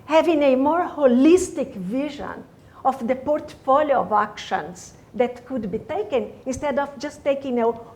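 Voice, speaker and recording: A woman's voice: fairly high pitch, darkish tone. A woman speaking as a scientist on a panel, hesitant, with many "you know"s and "uh"s. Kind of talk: panel discussion remarks.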